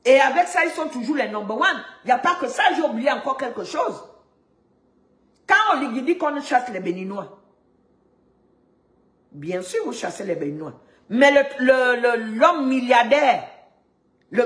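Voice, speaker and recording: A woman from Gabon delivering a heated, indignant rant, repeating words when she gets stuck. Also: on the high side. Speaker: activist vlogger. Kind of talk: heated ranting monologue. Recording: echoey room.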